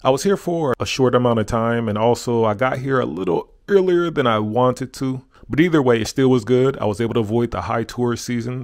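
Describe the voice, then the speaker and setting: A man's voice: medium pitch, a little mellow. A man talking casually in a travel vlog, laid-back and chatty with playful asides. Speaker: travel vlogger.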